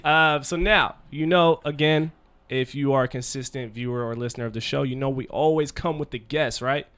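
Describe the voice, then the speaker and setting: A man's voice: mid-range voice, normal speed, fairly bright tone. A man hosting a casual podcast, introducing his guest with hype and plenty of filler words. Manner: hyped, friendly, filler-heavy slang. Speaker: podcast host.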